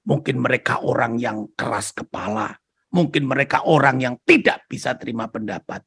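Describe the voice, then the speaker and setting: A preacher voicing Jesus as a gentle, patient divine man, speaking softly and in a hushed tone. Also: medium pitch, lively intonation, gravelly, slightly rough, dry recording, studio quality, pitched below the performer's own voice, heavily acted. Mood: tender. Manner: soft, hushed, slow.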